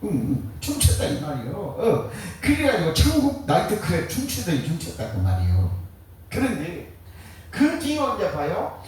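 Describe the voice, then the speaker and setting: A man's voice: on the high side, huge pitch swings, normal speed, darkish tone. A man preaching a sermon as pastor, firing rhetorical questions and answering them in a colloquial, joking way. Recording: very echoey, distant mic.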